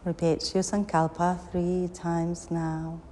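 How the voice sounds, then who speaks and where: This yoga nidra guide leads the meditation at a very slow pace, her slightly low voice dark and level as she gives calming short instructions with long silences between. A little hiss or hum sits under the long, hall-like reverb.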